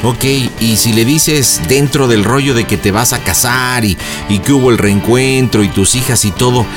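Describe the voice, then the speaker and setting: A man's voice: mid-range voice, normal speed. A man with a Mexican accent hosting a radio show in playful, slangy, casual banter. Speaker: host of a prank-call radio show. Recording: music bed behind voice. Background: music.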